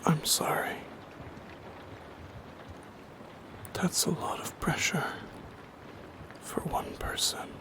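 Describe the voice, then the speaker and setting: In a soft-spoken ASMR roleplay, a man plays a lonely shadow creature full of longing, whispering solemn, halting, poetic lines with a breathy, creaky edge. His voice stays close to how he'd normally speak, and the mood is tender and earnest.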